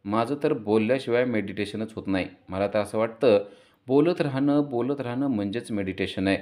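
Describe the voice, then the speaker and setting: A man's voice: on the low side, normal speed, a little mellow, natural voice. A man playing a jovial, talkative father who jokes and teases his daughter. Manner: chatty, joking, teasing.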